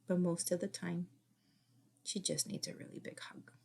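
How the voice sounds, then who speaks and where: A middle-aged woman, a former child therapist, giving casual advice in an earnest, repetitive way that often drops to a soft whisper. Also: on the low side, flat delivery, moderate pace, vocal fry, a little hiss or hum. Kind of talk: casual advice talk to camera.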